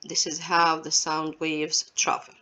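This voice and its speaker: A woman explains exam questions at a very slow, deliberate pace. Her voice sits a little low. She teaches step by step and poses questions to her listeners before answering them herself. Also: monotone, bright, forceful tone. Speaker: science teacher. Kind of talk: exam walkthrough lesson.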